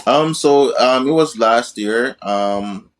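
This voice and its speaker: Speaking slowly in a mid-range voice, a young Jamaican man appears as a guest on a casual podcast interview. He coaches in crypto and business, and "right?" caps off a lot of what he says.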